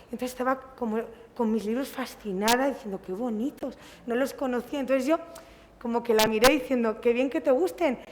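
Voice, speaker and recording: A woman author, telling a lively anecdote on a panel and acting out the dialogue. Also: a little high, a little fast. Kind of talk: casual storytelling. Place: convention hall. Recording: reverberant hall, background noise.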